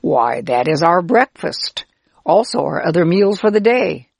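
A woman's voice: on the low side, sing-song, a little slow, gravelly, no room sound, clean studio sound, heavily acted. A woman voicing a friendly, helpful Israelite man who laughs easily and explains patiently in a children's storybook.

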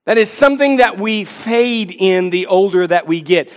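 A man's voice: high voice, lively intonation, moderate pace. A man in his forties, a pastor, preaching a sermon in an earnest, emphatic way with self-deprecating asides, in a church. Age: 40s.

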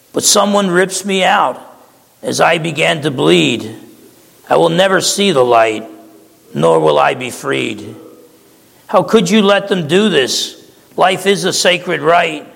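A man's voice: fairly high pitch, gravelly, a bit bright, slightly rough, exaggerated voice. A man reciting a poem in the voice of an unborn child pleading with its mother. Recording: long hall reverb.

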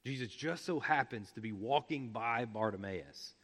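A man preaching a sermon, explaining scripture with emphatic repetition, at times dropping to a hush. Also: medium pitch, animated, moderate pace. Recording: long reverb of a large hall.

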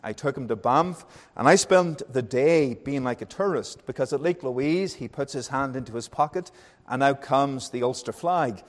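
A man in his thirties with a Northern Irish accent, a pastor giving a sermon in an unhurried, friendly way with frequent hesitations. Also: medium pitch. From Northern Ireland. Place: church hall. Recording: long reverb of a large hall.

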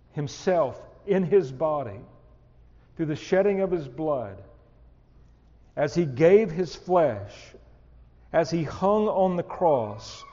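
A man preaching an expository sermon, slow and emphatic, rising on key words. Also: mid-range voice, warm tone, big-room sound, highs cut off.

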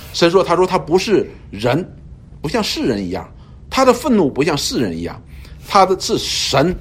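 Guy preaching a bible study, husky voice, goes up and down a lot, asks questions back at you. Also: fairly high pitch. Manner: expository Bible teaching, rhetorical questions, quoting scripture slowly. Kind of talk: sermon.

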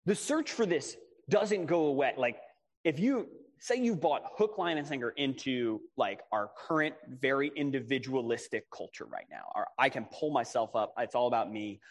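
Preaching with a big, projecting, mid-range voice, a man delivers a conversational sermon at a moderate pace, animated throughout. He is casual and pokes fun at himself, often asking rhetorical questions, and the large room echoes around him.

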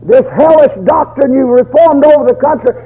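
A man's voice: extremely high pitch, normal speed. An older man preaching a folksy, fervent storytelling sermon, in a dull lo-fi recording.

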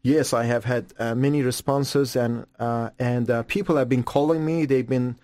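A man's voice: medium pitch, fairly even intonation, normal speed, darkish tone, dry recording. Man, earnest testimony, dry close mic. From Iran. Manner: earnest, fervent storytelling with stammered restarts. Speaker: guest evangelist. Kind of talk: testimony in an interview.

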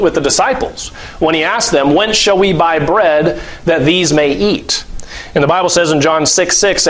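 Man preacher, high-pitched, chatty delivery with frequent fillers. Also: low-quality recording. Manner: acts out scenes with lively voices and laughs; conversational, uses many fillers. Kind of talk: sermon.

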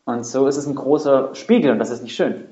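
A man's voice: medium pitch, a little fast, mellow. Male preacher, mid-range voice, earnest and emphatic; roomy, lo-fi church recording. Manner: earnest, emphatic, with rhetorical questions and repetition. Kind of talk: sermon. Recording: roomy, dull lo-fi sound.

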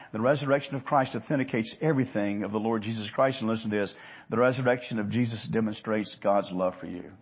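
A man delivers an expository sermon earnestly and emphatically, swinging between hushed and loud passages, asking rhetorical questions and repeating phrases. His voice is fairly low and slightly rough, and the recording's highs are cut off.

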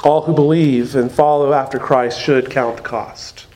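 A man's voice: medium pitch, steady tone, a little slow, a little mellow, slight background noise. A man preaching a sermon as a pastor, in a conversational way with frequent asides.

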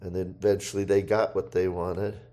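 A man preaching a sermon, reading scripture aloud and rising in voice for the quoted shouts. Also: deep voice, flat delivery. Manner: slow, deliberate delivery with pauses and fillers.

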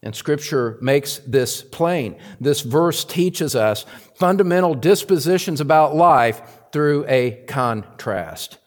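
A man preaching a sermon, earnestly calling his listeners beloved, his voice climbing higher and louder for emphasis before dropping low again, and slowing down on key phrases. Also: lively intonation. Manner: builds in pitch and loudness for emphasis, then drops low. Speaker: pastor.

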